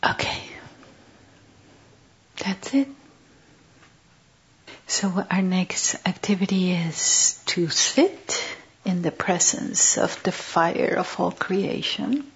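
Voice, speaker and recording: A woman giving a gentle contemplative teaching on prayer, speaking softly and often half-whispered in short, halting phrases. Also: on the low side, lively intonation. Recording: dull lo-fi recording.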